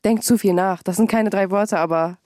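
A young woman, a musician, chatting casually in an interview, animated and quick to laugh, acting out quotes in a higher voice. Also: no room sound, clean studio sound. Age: young adult. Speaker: musician guest.

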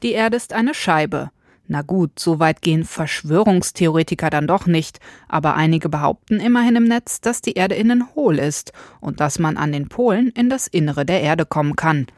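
A woman narrating a scripted radio report clearly. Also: low-pitched, lively intonation, normal speed, darkish tone, dry recording, studio quality.

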